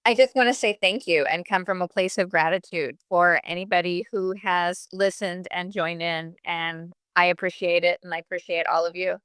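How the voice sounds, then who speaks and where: A woman coach sharing advice in a motivational talk, gentle and sincere with a few fillers. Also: fairly low pitch, fairly even intonation, moderate pace, hardly any pauses, smooth, no echo. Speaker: resilience coach.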